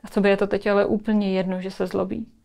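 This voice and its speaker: A woman calmly leading a guided imagery exercise in a webinar, speaking softly and narrating a scene. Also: mid-range voice, vocal fry. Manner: soft, calm, storytelling.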